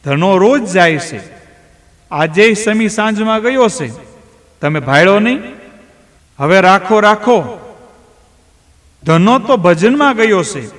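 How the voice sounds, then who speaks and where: A good-natured village farmer brushes off worries in a chatty, folksy voice, as a man puts him on. His voice sits a little high, and a long hall reverb trails after it. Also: fairly bright tone. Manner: chatty, dismissive, folksy storytelling voice.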